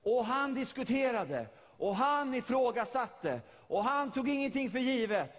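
A man's voice: very high voice, very animated, long reverb tail. A middle-aged man from Sweden preaching a sermon, retelling a story vividly and often repeating his words.

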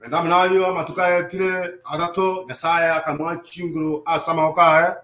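Male sermon interpreter, high monotone voice, echoes each line, roomy church sound. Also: moderate pace. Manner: echoing each line in call and response.

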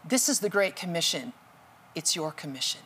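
A woman's voice: lowish voice, very animated, normal speed, sharp tone, a little hiss or hum. A woman guest telling a dramatic rescue story as a testimony, then urging listeners with preachy passion. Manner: impassioned, preachy. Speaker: guest speaker.

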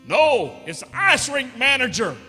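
A man voicing a loud, deadpan male voice from heaven. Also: very high voice, measured pace, big-room sound, faint music behind, pitched above the performer's own voice, exaggerated voice.

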